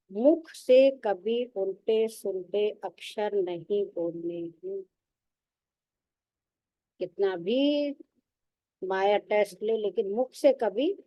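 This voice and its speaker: A woman's voice: mid-range voice, warm tone, no room sound, muffled recording. A woman spiritual teacher giving a devotional sermon, telling stories with repetition and rhetorical questions.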